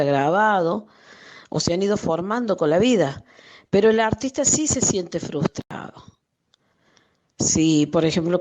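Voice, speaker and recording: In her late fifties, this artisan and translator from Argentina muses carefully about words in an interview, frequently stopping and starting over to find the right expression. Her voice is lowish and darkish in tone, with an Argentine Spanish accent.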